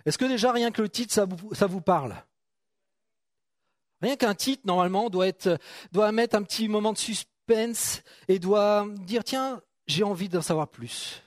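A man preaching in a chatty, joking way, often breaking off and starting over as he talks to his congregation. His voice sits high for a man. The sound is close and dry, with no room echo. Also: a little slow. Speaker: pastor. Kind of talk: sermon.

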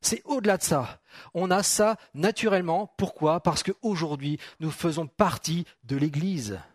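A man with a slightly high voice gives a loose, chatty sermon, reading verses and repeating his points as he goes. The sound is close and dry, with little room echo. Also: unhurried. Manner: chatty, jokes with the congregation, repeats phrases. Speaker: pastor. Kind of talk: informal sermon with Bible reading.

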